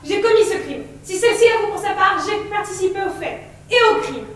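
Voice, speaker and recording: A woman's voice: very high voice, expressive, fairly quick. A young woman playing a devoted, sorrowful sister who pleads earnestly in an amateur stage Greek tragedy. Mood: pleading, sorrowful. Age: young adult. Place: large indoor theatre, far camera. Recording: very echoey theatre hall, distant mic.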